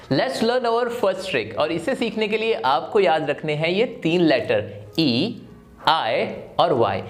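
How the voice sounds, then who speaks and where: A male teacher giving a spelling lesson in a video, explaining step by step and asking himself questions to answer them. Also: fairly high pitch.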